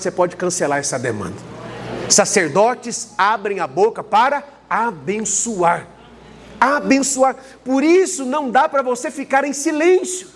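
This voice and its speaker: A male pastor preaches with a strikingly high voice. His pitch swings in lively arcs as he acts out conversations and calls the congregation to answer amen, with a faint hiss of noise behind him. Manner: animated preaching, acts out dialogue, calls for amens. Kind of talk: sermon.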